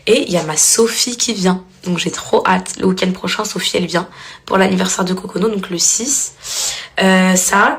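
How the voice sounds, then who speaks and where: A woman's voice: mid-range voice, a little hiss or hum. A tired mother in her thirties chatting casually and affectionately to her viewers in a home vlog. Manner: chatty, affectionate, addresses viewers as "les filles". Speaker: family vlogger, mother.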